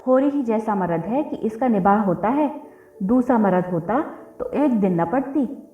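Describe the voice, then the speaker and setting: A woman's voice: on the high side, lively intonation, a little slow, reverberant, phone-quality sound, soft background music. A woman voicing a spiteful, gossipy village shopkeeper woman. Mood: spiteful gossip.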